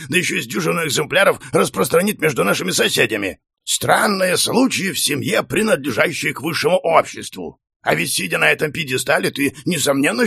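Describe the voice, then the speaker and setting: Грубоватый, насмешливый профессор средних лет, который рычит и язвит, раскатывая фразы с издёвкой, как его подаёт чтец. Голос скрипучий и хрипловатый, звучит сухо и близко. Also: male voice, fairly high pitch, gravelly, sharp tone, breathy edge, no echo, clean studio sound, pitched above the performer's own voice, heavily acted. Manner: growling, sarcastic. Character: bullying, mocking professor, middle-aged man.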